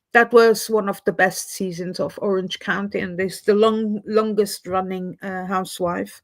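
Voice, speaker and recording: A Swiss live stream host, French by first language, rambles through a casual chat with viewers from her home in Edinburgh. Her pitch is mid-range and her pace slow and unhurried. She's chatty and often loses her thread.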